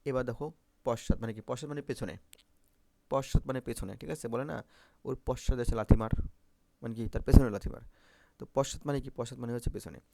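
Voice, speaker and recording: A man's voice: mid-range voice, fast, vocal fry, pauses often, warm tone, no room sound. A man teaching Bangla phonetics for exam prep, repeating vowel sounds and often checking if students follow.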